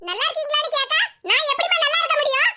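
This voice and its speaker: A woman voicing an angry, sharp-tongued older mother-in-law in an animated cartoon, speaking with a Kanyakumari Tamil accent. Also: very high-pitched, very fast, very noisy. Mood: angry, scolding. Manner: scolding, combative.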